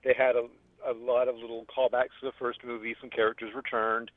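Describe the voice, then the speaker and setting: A man calls in by phone to give a casual review of a film, his medium-pitched voice level in tone and fairly quick. The recording is dry and dull, with the quality of a voicemail over a phone line.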